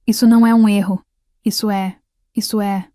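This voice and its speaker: Woman voicing an anguished, shouting young husband. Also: medium pitch, fairly even intonation, moderate pace, no room sound, clean studio sound, close to an everyday voice. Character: young adult man, betrayed son, anguished and shouting.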